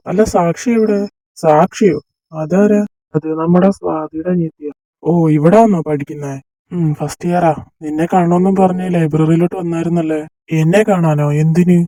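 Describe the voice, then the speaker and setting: Teasing college senior in an amateur dub drama, voiced by a young man: mock-scolding banter, mellow and dry. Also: fairly high pitch, dry recording, lightly acted, low-quality recording. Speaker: fan dub voice actor. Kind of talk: amateur dubbed romance drama.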